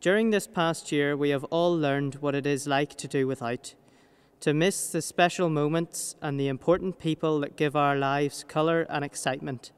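A teenage Northern Irish man, earnest and measured, reading a prepared reflection at a lectern in a large cathedral. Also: a little high, fairly even intonation, smooth. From Northern Ireland. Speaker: youth reader. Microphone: lectern mic. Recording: long cathedral reverb.

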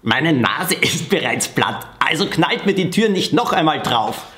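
A brash female pig nanny from a children's storybook, shouting orders and scolding in a high, brassy tone, voiced by a man. She sounds bossy and loud, with a lively, bouncing delivery. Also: a little slow, roomy sound. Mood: brash, commanding. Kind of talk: audiobook reading.

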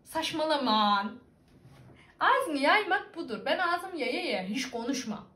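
A young woman with a bright, high voice and an Aegean Turkish lilt, chatting playfully and laughing as she answers her viewers. She talks into a computer webcam, and her voice rings in an echoey room at home. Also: sing-song, normal speed. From İzmir, Turkey. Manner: playful, teasing, laughs often. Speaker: vlogger. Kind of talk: casual chat reading viewer comments.

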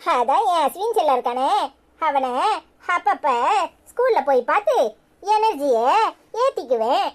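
Woman voicing a cartoon mother: Tirunelveli accent, high, grumbling, headstrong. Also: big pitch swings, a little slow. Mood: fond. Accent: Tirunelveli Tamil. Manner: sulky, complaining.

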